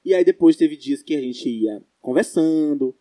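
A young man with a Brazilian Portuguese accent, telling stories as a podcast co-host in casual chat, animated and laughing. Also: a little high, moderate pace.

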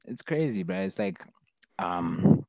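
Deep, gravelly young man, slangy. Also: expressive, slow, darkish tone, no room sound. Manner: slangy, rambling storytelling, frequent "bro". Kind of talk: casual chat.

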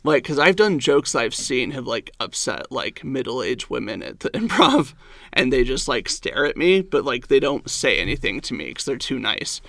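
A man's voice: medium pitch, sing-song, moderate pace, creaky, fairly bright tone, dry recording. A man, a stand-up comedian and the guest, telling a story in casual chat, rambling and filling his talk with "like" and "um". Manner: rambling, heavy use of "like" and "um".

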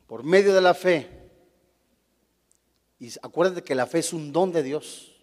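High-voiced male preacher in an echoing hall. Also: a little slow. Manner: rhetorical questions to the congregation; acts out short scenes in character voices. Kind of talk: sermon.

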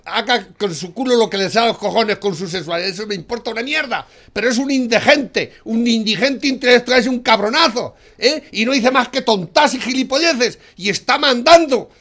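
A man's voice: very high-pitched, a little fast, few pauses. Furious, swearing Spanish man. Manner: furious, swearing, shouting insults. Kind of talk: profane political rant.

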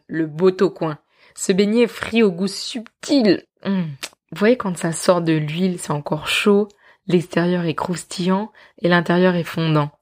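A woman hosting a podcast, telling her story in a lively, self-mocking way and often laughing. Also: on the low side. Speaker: podcast host.

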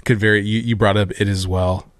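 A man with a somewhat low voice joins a casual podcast conversation, recorded dry and close. He is a worship leader who readily affirms what others say and grows animated as he argues a point. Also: fairly quick, no echo. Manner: affirming, gets animated when making a point.

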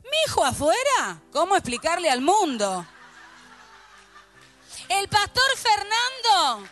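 A middle-aged woman pastor with a Rioplatense Argentine accent, telling funny stories to her congregation in an animated sermon. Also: very high voice, takes it slowly, soft background music. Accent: Rioplatense Spanish. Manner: animated storytelling, playful asides to the congregation. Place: church before a live congregation.

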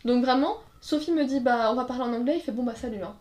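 A woman's voice: on the high side, quick pace, a little mellow. A woman telling casual anecdotes in a chat, acting out quotes and laughing along. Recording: roomy echo.

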